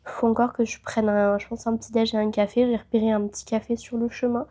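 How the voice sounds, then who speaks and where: A travel vlogger in her late teens, fighting a head cold, talks fast in a warm, slightly high voice that barely moves in pitch. Her vlog chat to camera is casual and rambling, peppered with fillers and restarts.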